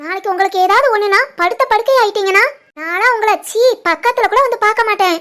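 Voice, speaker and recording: A woman voicing an outspoken young daughter-in-law in an animated family drama, defiant and lecturing, with a southern Tirunelveli Tamil accent. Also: extremely high pitch, quick pace. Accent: southern Tamil Nadu (Tirunelveli) Tamil.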